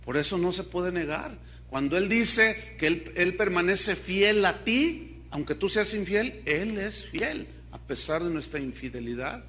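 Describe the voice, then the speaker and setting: A male pastor preaching a sermon, swinging between loud emphasis and hushed storytelling and asking the congregation questions. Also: sits high, animated, a little slow.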